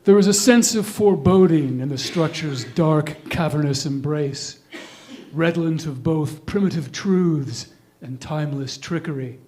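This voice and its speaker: Speaking in a slightly high voice, a middle-aged man performs a scripted comic monologue in flowery language, keeping his delivery slow and deliberately deadpan.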